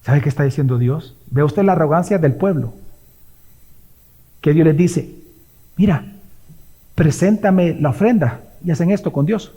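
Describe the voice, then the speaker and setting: Male pastor, high and mellow voice, emphatic sermon in a reverberant church. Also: normal speed, pauses often. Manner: emphatic preaching, swings between loud and hushed. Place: church sanctuary. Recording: long hall reverb.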